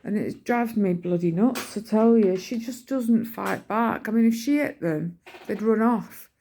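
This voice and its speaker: A middle-aged British vlogger chats casually and rambles through everyday stories, speaking colloquially and acting out what others said. Her medium-pitched, dark voice is a little slow, and the recording has slight hiss or hum.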